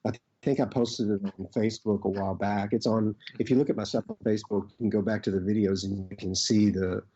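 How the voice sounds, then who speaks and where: A relaxed, somewhat low-voiced man with an Arkansas accent shares memories as an actor being interviewed. He talks casually and haltingly, circling back as he goes. The audio is slightly dull. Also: breathy edge. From Arkansas, United States. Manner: rambling, halting storytelling. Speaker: actor, podcast guest.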